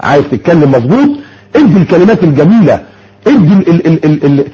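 A male preacher with an Egyptian accent delivers a fiery sermon in a high voice that swings widely in pitch. He fires off rhetorical questions and mockingly repeats words. The muffled lo-fi recording dulls his husky voice. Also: sing-song, fast talker, warm tone. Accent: Egyptian Arabic. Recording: muffled lo-fi audio.

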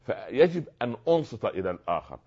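A man hosting a religious call-in show, preaching earnestly and joking gently with callers. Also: medium pitch, sing-song, fast, creaky, breathy edge. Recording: dull lo-fi broadcast sound.

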